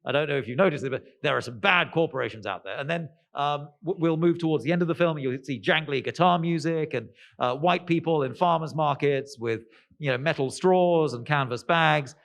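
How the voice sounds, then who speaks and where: A male author answering interview questions in a posh-sounding voice, halting with lots of fillers and restarts, with wry, sardonic asides. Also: on the high side, vocal fry. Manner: self-described posh-sounding voice.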